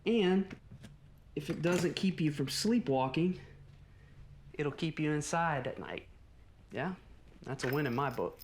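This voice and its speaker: Man playing a calm husband, noisy room recording. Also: a little high, measured pace, pauses often. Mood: placating, dismissive. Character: calm, dismissive husband of a sleepwalker. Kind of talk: naturalistic found-footage horror acting.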